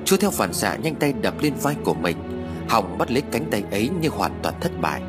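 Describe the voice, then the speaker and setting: A man narrating a ghost story in an expressive, dramatic reading style. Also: lowish voice, brisk. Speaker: audiobook narrator. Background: background music.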